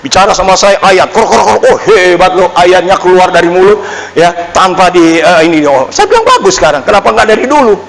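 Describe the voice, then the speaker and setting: A pastor preaching a sermon with an Indonesian accent, emphatic, swinging from loud outbursts to low murmurs. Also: male voice, animated, fairly quick, vocal fry. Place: church hall. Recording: church hall reverb, faint ambience.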